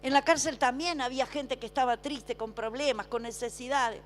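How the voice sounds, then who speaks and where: High-voiced woman preaching. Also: fairly even intonation, slight background noise. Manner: call-and-response, asks congregation to repeat; swings between emphatic slow declarations and hushed drops. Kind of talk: sermon. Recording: long hall reverb with faint music.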